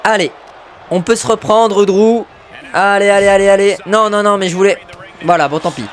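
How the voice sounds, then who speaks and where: Excitable high-voiced male game commentator. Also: moderate pace. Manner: excitable, bursts into shouts at big moves, mutters asides to himself. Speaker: gamer commentating his own wrestling video game match.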